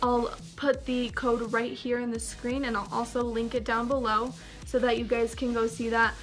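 A woman's voice: fairly high pitch, little pitch movement, normal speed, faint music behind. A young woman with a Valley girl accent, chatting casually and upbeat to her vlog viewers, full of likes and ums. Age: young adult. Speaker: vlogger.

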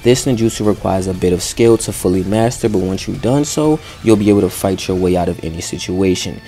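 A man, a gaming YouTuber, reading game update notes aloud, stumbling over words now and then and breaking off for slangy, excited asides. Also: low voice, a little fast. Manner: slangy excited asides between read passages; stumbles and restarts while reading.

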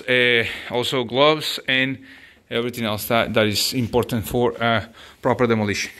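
A man's voice: a little high, a bit bright. A man in his forties hosting a home remodeling walkthrough, explaining step by step with restarts and phrasing. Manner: explanatory, hesitant restarts, non-native phrasing. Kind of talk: casual walkthrough tutorial. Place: empty bedroom under demolition, indoors. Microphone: on-camera mic from a distance. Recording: roomy echo from far off.

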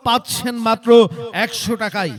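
Working as a sales announcer for a promotional vehicle, a man with a strikingly high voice, a Bangladeshi accent and a sharp tone runs through a hard-sell advertisement at normal speed. He repeats the offer insistently like a street promoter, pressing everyone to buy quickly.

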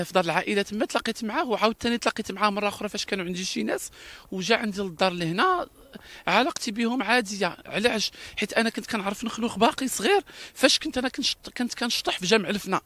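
A man with a Moroccan Darija accent talks at a breakneck pace in a fairly high voice. His delivery is emphatic and repetitive, full of restarts. The recording is close and dry. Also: a bit bright, no room sound. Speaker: interviewee. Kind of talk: casual interview talk.

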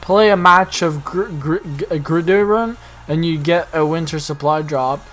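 A young man giving casual, slangy commentary while opening loot in a video game, excitable and rambling. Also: fairly high pitch, normal speed, soft background music. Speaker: gaming YouTuber.

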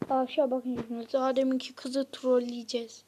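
A woman giving casual let's-play commentary as a gaming YouTuber, chatting straight to her viewers and getting frustrated quickly. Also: high-pitched, level tone, mellow, slight background noise.

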